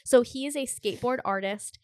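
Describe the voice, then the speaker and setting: A woman's voice: on the high side, brisk, a little mellow, no room sound, studio quality. A woman co-hosting a podcast in casual chat, slightly congested, gushing with enthusiasm and saying "like" a lot. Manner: gushing, enthusiastic, heavy use of "like". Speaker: podcast co-host.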